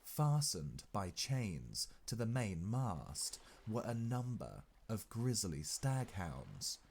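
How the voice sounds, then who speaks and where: A man narrates a classic novel in a low, unhurried voice. He takes the text phrase by phrase with frequent pauses, and his pitch moves freely as the story unfolds. There is faint noise beneath the reading. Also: huge pitch swings, a little mellow. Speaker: audiobook narrator.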